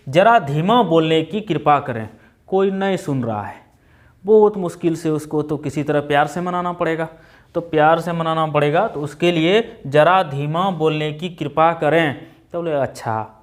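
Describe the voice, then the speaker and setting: A man from India leads a spoken English class with a fairly high voice. He explains with chatty everyday examples and slows right down to repeat each English phrase with care. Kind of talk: classroom lesson.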